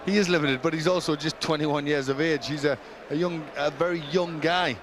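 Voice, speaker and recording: A man's voice: fairly high pitch, steady tone, a little fast. A man giving conversational expert analysis as a boxing co-commentator at ringside. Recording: loud crowd and noise behind commentary.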